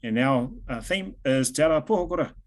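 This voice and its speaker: Man, New Zealand accent, mid-pitched, chatty host, informal presentation over video call. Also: expressive, brisk. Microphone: video call microphone.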